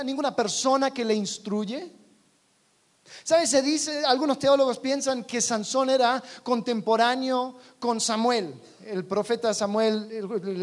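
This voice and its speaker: Guy giving a sermon, pretty high voice, chatty, keeps asking the crowd questions, goes quiet sometimes. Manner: conversational, asks the audience many rhetorical questions. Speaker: preacher.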